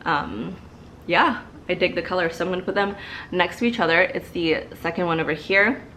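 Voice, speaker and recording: Rough recording quality and slight background noise frame a lowish, pushed, bright voice at a moderate pace. It's a young woman in her twenties, a beauty vlogger with allergy stuffiness, chatting through a makeup review before a couch in her living room, using many fillers and repeated words.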